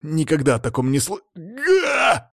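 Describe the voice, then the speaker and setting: A man's voice: mid-range voice, lively intonation, moderate pace, no echo, clean studio sound, close to an everyday voice. A man voicing a panicky, strained fourth-year male student mage straining to hold a spell in an audiobook. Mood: panicked. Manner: panicky, whiny, strained shouting. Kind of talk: audiobook character voice.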